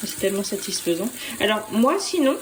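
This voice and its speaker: A woman's voice: medium pitch, sing-song, brisk, a little hiss or hum. A French woman chatting casually as she cooks for her family, speaking hesitantly with frequent fillers. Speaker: home cooking vlogger. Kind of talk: casual cooking vlog voice-over.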